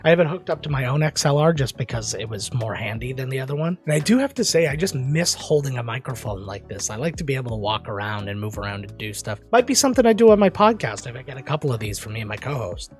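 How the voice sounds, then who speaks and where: An upbeat man talks through a casual gear unboxing with plenty of jokes. His voice sits in a middle register. He sounds friendly and conversational throughout. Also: mid-range voice. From Canada. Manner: upbeat, chatty, joking. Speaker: tech reviewer and YouTuber.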